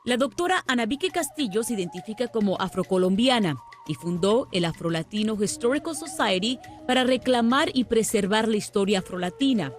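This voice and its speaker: A woman's voice: a little high, expressive, fairly quick, faint music behind. A woman reporter reading scripted narration for a television news feature.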